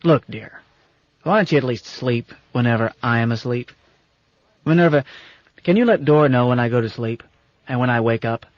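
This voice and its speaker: A gruff old captain, as a male narrator plays him, commanding and folksy and fond underneath. He speaks a little louder than the narration, in a dry space. The recording is dull and lo-fi. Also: mid-range voice, moderate pace, long pauses, dry recording, lightly acted. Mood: stern, folksy.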